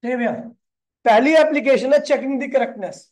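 A man's voice: very high-pitched, moderate pace, a little mellow. A man teaching physics in a classroom lecture. He asks the class questions and answers them himself, calling the students brother and kid.

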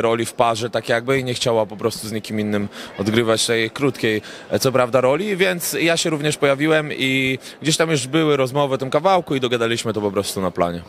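A young man, a rapper and songwriter, answering red-carpet questions in a relaxed, rambling way with many filler sounds, into a handheld reporter mic at a cinema premiere. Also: medium pitch. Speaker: rapper and songwriter, interview guest. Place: indoor cinema premiere event, crowded lobby. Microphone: handheld reporter mic held near him.

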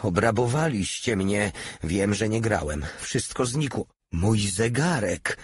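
A man's voice: lowish voice, lively intonation, slow, a little hiss or hum, voice pushed up. A man reading the part of a fat, desperate ex-officer who whines and squeals. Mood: desperate wailing. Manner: whiny, rising to a squeal. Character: whining, shrieking fat ex-officer, robbed and desperate.

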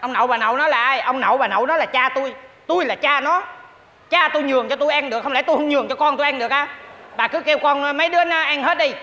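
An actor playing a cheeky, stingy rural older husband, arguing in a stage comedy sketch. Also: male voice, very high voice, racing, bright, forceful tone, big-room sound. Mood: teasing. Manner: glib, teasing, argumentative.

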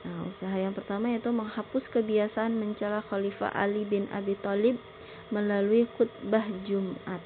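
A woman teacher giving a recorded slideshow lesson, explaining slowly and often pausing on filler words. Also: medium pitch, flat delivery. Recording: tinny phone-like sound with faint noise.

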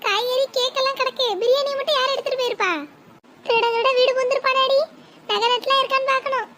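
A performer doing a shrill panicky housewife. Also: level tone, quick pace, sharp tone, a little hiss or hum. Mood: alarmed. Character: excitable housewife, older sister-in-law.

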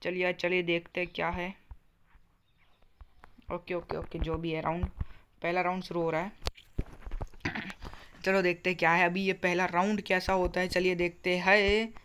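A young man commentating a video game for his channel, talking very softly and breaking into excited yelps and frustrated groans as he plays. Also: high voice, measured pace, pauses often, a little hiss or hum. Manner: speaking very softly on purpose. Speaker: gaming YouTuber.

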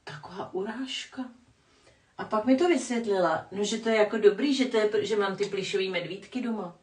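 An older woman does her makeup on a live stream, rambling, mocking herself, and answering the chat casually as a vlogger. Her medium-pitched voice sounds distant and a bit off-mic in an echoey room.

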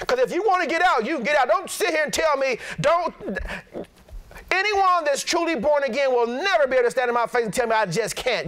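A middle-aged pastor preaching a sermon in an animated, blunt, plain-spoken way. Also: male voice, extremely high pitch.

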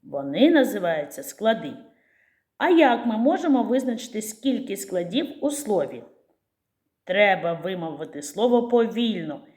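A woman teacher with a Ukrainian accent giving a preschool literacy lesson in a slow, clear, sing-song voice to small children. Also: mid-range voice, sing-song, a little mellow.

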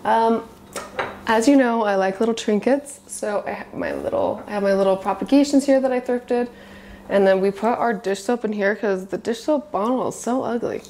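With a medium-pitched, darkish voice, a woman in her twenties walks through her small apartment's kitchen and living room at a moderate pace. She sounds animated, bubbly and gushing, repeatedly calling things cute in casual chat, with slight background noise.

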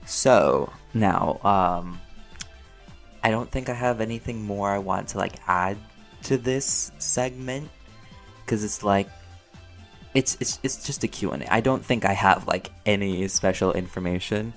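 A man with a fairly low, gravelly voice, speaking a little slowly, rambles casually through a Q&A as a channel creator and voice actor answering fan questions. He's chatty, playful and slangy, often interrupts himself, and keeps breaking into giggles, with music playing behind him.

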